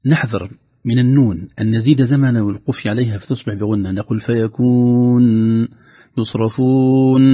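Brief: male recitation teacher, husky tone, explanatory delivery with drawn-out chanted examples, dry dull lo-fi studio sound. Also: lowish voice, no room sound. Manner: explanatory, slowly chanting sample words. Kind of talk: tajweed lesson with recited examples.

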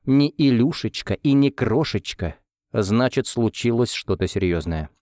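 A man reading a first-person novel aloud in a calm, even storytelling manner. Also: medium pitch, measured pace, dry recording, studio quality. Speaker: audiobook narrator. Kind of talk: scripted first-person narration.

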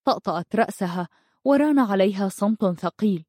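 A woman reads a story aloud in a steady, measured way. Her voice is warm and mellow, and the recording is close and dry with no room sound. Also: mid-range voice, no echo. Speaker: narrator. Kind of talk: audiobook story narration.

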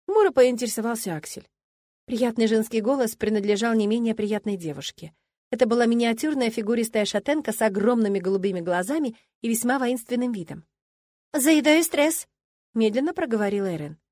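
A woman narrates an audiobook in the first person, her voice sitting a little high for a woman. She tells the story evenly and wryly, recorded close and dry with no room sound at all. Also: mellow, no room sound.

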